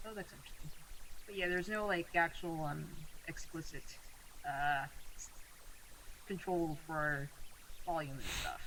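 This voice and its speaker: A man's voice: on the high side, steady tone, a little slow, pauses often, bright, forceful tone, slight background noise, poor audio. A man co-hosting a casual webcast chat over a video call, hesitant and full of filler words. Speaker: co-host.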